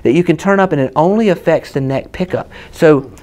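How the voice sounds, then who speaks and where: A man from South Carolina in his thirties, speaking a little fast with a fairly high pitch and a Southern US accent, tells casual stories in a guitar shop full of hanging guitars. The talk is a relaxed gear demo where he explains the guitar hands-on.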